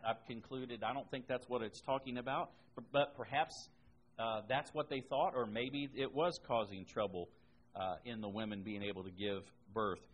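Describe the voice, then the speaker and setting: A man's voice: medium pitch, slight background noise. A man teaching a Bible class in a conversational way, reading scripture aloud and then explaining it with asides.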